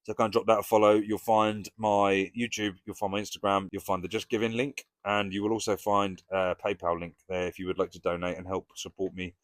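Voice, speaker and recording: A man's voice: lowish voice, flat delivery, fairly quick, hardly any pauses, no room sound. A British man talking casually and frankly to camera as a vlogger, with plenty of swearing. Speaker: recovery vlogger.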